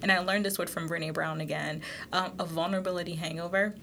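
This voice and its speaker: A young woman co-hosting a podcast, explaining ideas in lively, casual chat and laughing often. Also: on the low side, quick pace, creaky, slight background noise. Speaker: podcast co-host.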